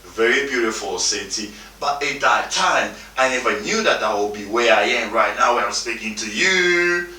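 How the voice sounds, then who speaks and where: A man's voice: mid-range voice, lively intonation, normal speed, few pauses, bright, forceful tone. A man, giving an emphatic motivational talk with informal, repetitive phrasing. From Democratic Republic of the Congo. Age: 30s. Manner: emphatic, repeats himself, informal non-native English phrasing. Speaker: motivational speaker. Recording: echoey room, mic at a distance, faint music.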